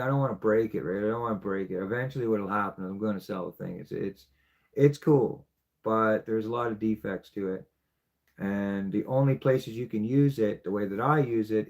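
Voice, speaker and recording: Gravelly, chatty man. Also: fairly low pitch. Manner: chatty, rambling, keeps asking "right?". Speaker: fishing channel host. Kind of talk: casual show-and-tell explanation.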